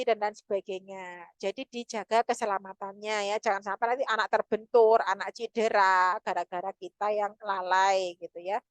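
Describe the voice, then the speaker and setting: A woman's voice: on the high side, no room sound. A woman gives a patient online lesson to parents, explaining step by step with many fillers and speaking straight to the mothers watching. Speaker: parenting educator.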